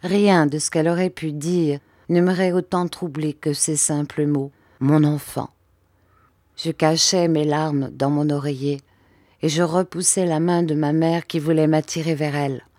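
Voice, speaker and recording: A woman narrating a classic novel in a steady, expressive reading voice. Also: sits low, measured pace, no room sound, studio quality. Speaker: audiobook reader. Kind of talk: scripted narration.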